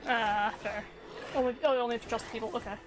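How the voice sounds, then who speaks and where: A woman's voice: a little high, fairly even intonation, fast, slight background noise. A woman streamer chatting casually with viewers while she plays a video game. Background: faint game music.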